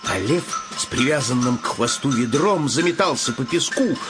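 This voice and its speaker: A man narrating a children's story in an expressive storybook reading. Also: medium pitch, normal speed, music in the background. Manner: animated, voice jumping widely.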